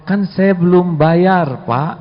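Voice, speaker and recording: An earnest little schoolboy, pleading and innocent, as a preacher puts him on, pitched well above a grown man's voice. The sound is dull and echoes through a long hall. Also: takes it slowly. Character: earnest trusting young schoolboy.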